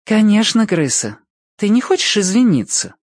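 A man reading the part of an odd, pale young woman who is calm and stubborn, in a lilting, matter-of-fact way. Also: sits high, normal speed, no room sound, clean studio sound, pitched above the performer's own voice. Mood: reproachful.

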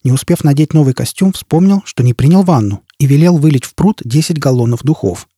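A man narrating an audiobook with lively, theatrical delivery. His voice is dark and a little husky. The recording is dry and close, with no room sound. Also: on the high side, fairly quick, dry recording.

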